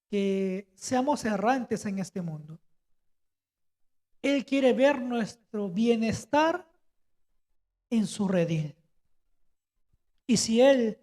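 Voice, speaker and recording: A man's voice: sits high, darkish tone. A young man giving a casual, earnest comment in a church Bible study, tagging his phrases with a questioning "¿no?".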